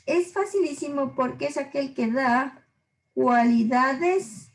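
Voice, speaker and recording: A woman teaching a language class, her voice sitting a little high. She is patient, stretching out each example and checking in with her students after every point. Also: lively intonation, darkish tone, rough recording. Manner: patient, repeats examples slowly and checks in with short questions. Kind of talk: explaining literary figures in a class.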